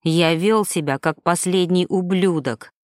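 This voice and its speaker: A woman reading an audiobook, voicing a tender, devoted young man in a lowered, doting voice. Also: unhurried, a little mellow, no room sound, clean studio sound, natural voice. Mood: remorseful.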